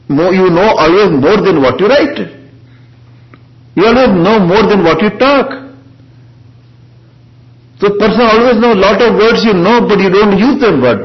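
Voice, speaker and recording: Indian guy teaching scripture, highish voice that swings up and down a lot, keeps checking with little questions, dull lofi recording. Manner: teacherly, punctuates explanations with short check questions. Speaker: spiritual teacher of Vedanta scripture. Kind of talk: informal scripture lecture with Sanskrit chanting and commentary.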